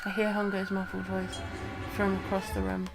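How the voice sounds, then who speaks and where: A woman streamer with a cold, reading a visual novel aloud in first person, with quick asides. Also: medium pitch, completely flat delivery, creaky, music in the background. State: has a cold.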